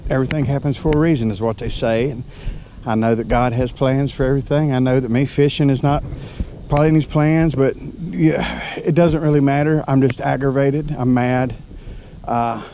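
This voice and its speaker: A man's voice: mid-range voice, dark tone, slight background noise. A man vlogging outdoors at a lake boat landing, out of breath, exasperated and self-deprecating, often calling on the Lord. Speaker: kayak fishing vlogger. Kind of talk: casual outdoor vlog.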